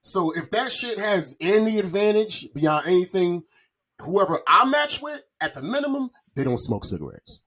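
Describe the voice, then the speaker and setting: Very animated and high-pitched, this man's voice sounds pushed and bright at a moderate pace. A fortysomething podcast guest, he trades casual talk and personal stories full of swearing and slang, with a habit of repetition.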